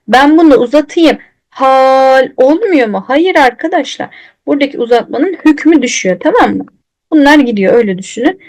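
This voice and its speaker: A woman teaching Quran recitation, patiently demonstrating letter sounds and repeating them slowly. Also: fairly high pitch, low-quality recording. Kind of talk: recitation lesson.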